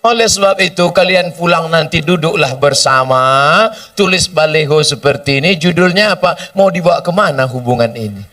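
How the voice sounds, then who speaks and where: A man's voice: fairly high pitch, moderate pace, pushed and bright, distant mic. A man preaching a humorous sermon, often acting out short dialogues between people. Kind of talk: sermon with question and answer.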